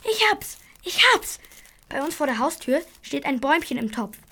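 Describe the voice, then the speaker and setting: Actress as a kind-hearted, headstrong young boy in a kids' audio play, high voice, insistent. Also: brisk. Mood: excited. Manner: indignant, insistent, repeats himself. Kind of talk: children's radio play.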